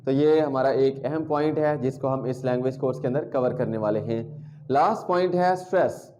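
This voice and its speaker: A man teaching an English language lesson, drilling words and sounds slowly and repeating each one. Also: medium pitch, dark tone, a little hiss or hum.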